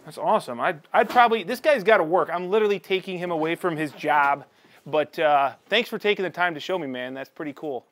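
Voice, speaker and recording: Contractor dude walking a build site, slightly higher voice, chatty and excited, lapel mic. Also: male voice, fairly quick, slight background noise. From United States. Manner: enthusiastic, chatty, explaining as he walks. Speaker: construction vlogger. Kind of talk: casual walkthrough vlog. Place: construction site, in a tool container and on an open upper floor.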